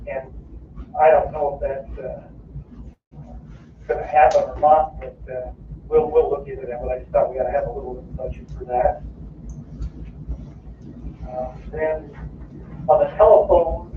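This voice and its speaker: A man's voice: medium pitch, steady tone, a little slow, pauses often, distant mic, a little hiss or hum. A man heard through a speakerphone, casually reporting on a budget and hedging with many fillers. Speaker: water plant staff presenting a budget. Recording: muffled speakerphone in an echoey room, heard from afar.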